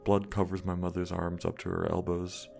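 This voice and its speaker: A man narrating a scripted horror story with a measured, steady delivery. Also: sits low, creaky. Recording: music playing underneath.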